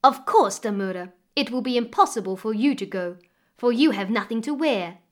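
A woman voicing a cruel, scheming stepmother who talks in a shrill, sharp and unkind way. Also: animated, moderate pace, natural voice. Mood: spiteful.

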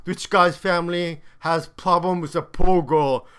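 A man's voice: a little high, fairly even intonation, unhurried, fairly bright tone, clear, resonant tone. A man giving a scripted review of a television drama, with dry, sarcastic humor.

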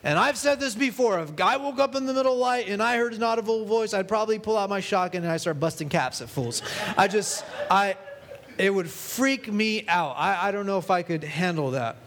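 Animated high-voiced male preacher. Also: brisk. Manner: animated, emphatic, reads scripture aloud with rising intensity. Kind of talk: sermon.

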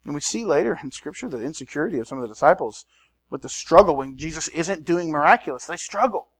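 A man preaching a sermon in a church, swinging between loud emphatic lines and quiet asides. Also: a little high, lively intonation, fast. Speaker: pastor.

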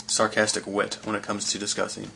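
A man's voice: on the low side, monotone, a little fast, creaky, pushed and bright, slight background noise. A man co-hosting a podcast, chatting casually with enthusiasm and teasing jokes. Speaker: podcast co-host. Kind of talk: casual chat.

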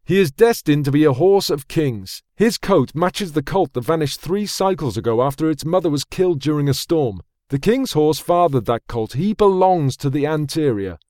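A man's voice: fairly high pitch, lively intonation, normal speed, hardly any pauses, a little mellow, no room sound, studio quality, close to an everyday voice. A man voicing a bold, stubborn young prince in an audiobook, proud and declaiming.

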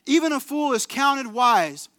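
A man who is a pastor, preaching a storytelling sermon with an animated delivery, often restarting words as he builds to emphatic peaks. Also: extremely high pitch, dry recording. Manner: frequent quick restarts and repeated words.

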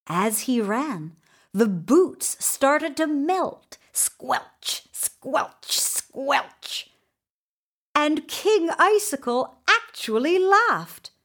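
A woman with a high-pitched, animated voice reads a children's book aloud as scripted story narration. Her delivery is expressive and deliberate, lingering on dramatic pauses for young listeners.

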